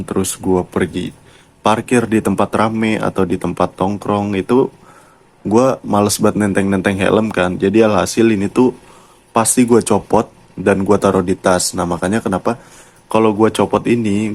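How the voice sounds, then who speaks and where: Chatting casually through a product review, this man treats his viewers like friends; he's a YouTube motovlogger with a colloquial Jakarta-style Indonesian accent. His voice runs on the low side and is a little mellow, with fairly even intonation and a moderate pace.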